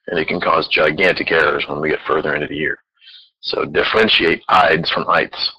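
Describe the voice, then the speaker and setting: Deep-voiced, husky male chemistry teacher. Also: bright, forceful tone, poor audio. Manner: patient, step-by-step explaining. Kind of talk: recorded classroom lecture.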